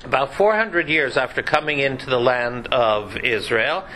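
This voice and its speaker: A man's voice: medium pitch, normal speed, pushed and bright, a little hiss or hum, poor audio. A man giving a conversational Bible class lecture, chatty and sprinkled with dry joking asides. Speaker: Bible teacher.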